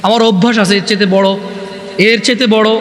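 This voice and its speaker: A man with a Bangladeshi accent preaching a sermon to a gathering, loud and animated, asking the crowd questions and answering them. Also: high voice, quick pace. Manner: restless, loud and animated, says so himself. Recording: echoey hall with long reverb.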